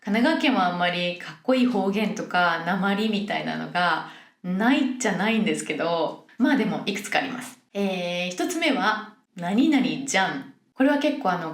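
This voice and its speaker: A young woman from Yokohama hosts a podcast for Japanese learners, explaining things in a friendly way and acting out example phrases. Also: mid-range voice. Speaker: podcast host teaching Japanese. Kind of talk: casual podcast monologue. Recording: roomy echo.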